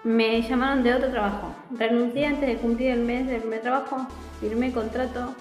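A woman's voice: on the high side, moderate pace, roomy sound, faint music behind, rough recording. Chatty Argentine woman in her forties. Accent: Argentine Spanish. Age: 40s. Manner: animated, chatty, gestures a lot with her hands. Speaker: vlogger. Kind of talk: casual storytelling to camera. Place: small room at home by a window, indoors.

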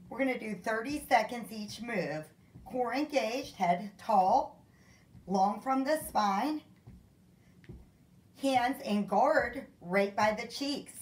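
Woman fitness instructor, unhurried cueing, winded, encouraging, roomy echo. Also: on the high side. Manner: upbeat, counts out moves, calls encouragement. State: out of breath. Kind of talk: workout class instruction. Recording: echoey room.

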